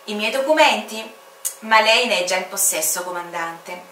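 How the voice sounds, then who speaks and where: A woman's voice: medium pitch, lively intonation, normal speed, fairly bright tone, echoey room, distant mic, slight background noise, natural voice. A woman voicing a mysterious, playful male aviator who turns out to be Time, in a self-assured, amused tone.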